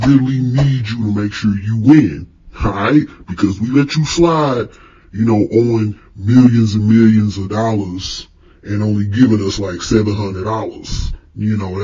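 A man playing a cocky, slangy secret-society boss in a comedy skit, leaving a rambling, casual voicemail in a husky voice. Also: on the low side, mellow, highs cut off. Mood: cocky, chummy.

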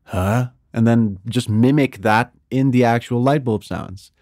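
A man's voice: mid-range voice, unhurried, darkish tone, no echo, studio quality. A man speaking as a guest in a podcast interview, explaining his work enthusiastically and acting out little sound examples with his voice. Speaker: strategy director at a music agency, podcast guest. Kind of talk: casual interview talk.

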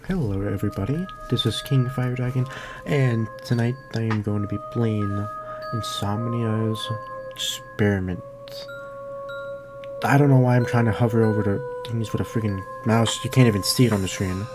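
A man's voice: lowish voice, normal speed, music in the background. A man hosting a let's play, chatting casually and making sarcastic jokes while playing a horror game. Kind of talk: casual gameplay commentary.

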